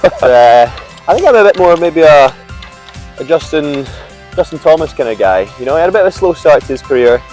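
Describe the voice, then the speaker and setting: A man's voice: on the high side, sing-song, a little fast, a little mellow, soft background music, low-quality recording. A young man bantering casually with a friend while commenting on his golf outdoors, jokey and matey. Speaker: golf vlogger.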